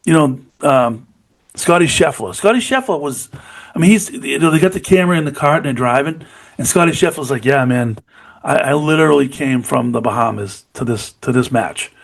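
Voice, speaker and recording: A middle-aged man in casual podcast conversation, talking with eager, rambling energy about sports. His voice sits at an ordinary pitch for a man. He keeps circling back to check the listener is with him. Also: expressive, moderate pace, creaky. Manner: rambling, enthusiastic, repeats "you know what I mean". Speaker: podcast co-host.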